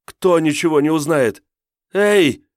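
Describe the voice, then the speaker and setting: A man voicing a frightened, fierce captive woman who shouts and pleads in a high, strained voice. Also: normal speed, dry recording, studio quality, natural voice. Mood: hysterical.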